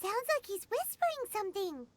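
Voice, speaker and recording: Paimon, a squeaky little fairy girl. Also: moderate pace, a little hiss or hum, exaggerated voice. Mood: worried. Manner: talks about herself in third person; excitable, chatty. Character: tiny floating female fairy-like companion, excitable. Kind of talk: game voice acting. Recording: game soundtrack behind.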